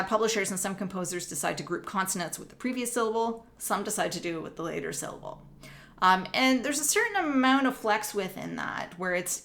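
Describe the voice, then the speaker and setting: Woman with a Canadian accent, music lecturer, steady explanatory delivery, spells out syllables slowly. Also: mid-range voice. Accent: Canadian English. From Northern Ontario, Canada. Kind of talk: recorded online lecture.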